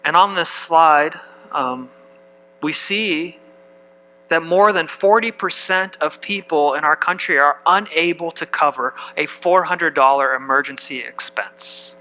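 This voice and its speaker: A man's voice: a little high, measured pace, sharp tone, slight background noise, rough recording. A man preaching a sermon as pastor, reading scripture aloud and putting questions to the congregation.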